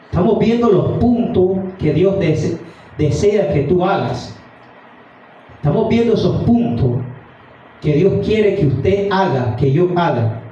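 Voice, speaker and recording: Fervent preacher, high-pitched man, echoey and distant. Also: expressive, takes it slowly, dark tone. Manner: fervent, repeatedly addressing listeners as brother. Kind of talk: evening sermon with Bible reading. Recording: dull, roomy sound from a distant mic.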